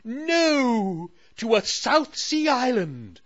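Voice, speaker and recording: A man voicing a fussy, huffing queen of the moon, who speaks slowly and dramatically. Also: very high-pitched, sing-song, pitched above the performer's own voice, heavily acted. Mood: fuming. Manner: huffy, slow and dramatic. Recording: dull, dry lo-fi recording.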